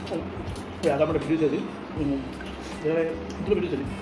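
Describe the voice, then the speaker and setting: Food vlogger guy, mouth full of noodles, rapid-fire talk, echoey room. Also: a little high, fairly even intonation, distant mic. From Bengal. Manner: chatty, mumbling between bites with hums. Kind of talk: casual eating-show chat. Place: home, indoors. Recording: echoey room with loud music behind.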